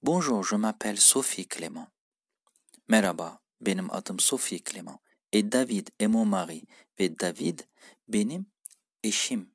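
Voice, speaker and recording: A man's voice: lowish voice, creaky, no echo, clean studio sound. A man teaching a language lesson, reading each dialogue line and then translating and explaining it. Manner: reads lines in one language, then translates them. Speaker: French teacher.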